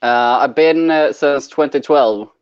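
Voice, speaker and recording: A man's voice: medium pitch, measured pace, clear, resonant tone, no room sound. A man tells stories in a laid-back way, filling gaps with "uh". The recording is dry and dull, with a lo-fi edge. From Sweden. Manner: laid-back storytelling with many fillers. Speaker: guest. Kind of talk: casual chat.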